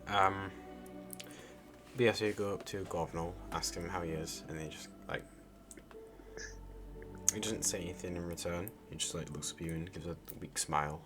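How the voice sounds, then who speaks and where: Very low-voiced game master narrating casually and hesitantly, with music playing in the background. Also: male voice, normal speed, long pauses. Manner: casual, hesitant, with many fillers. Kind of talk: narrating a tabletop game over a call.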